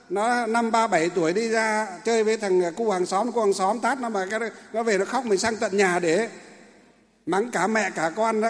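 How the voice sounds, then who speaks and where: A man preaches to a large lay audience. He speaks as a monk teacher, folksy and animated, always asking the crowd rhetorical questions. His voice rings out with the long reverb of a large hall. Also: high-pitched. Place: large hall with hundreds of listeners.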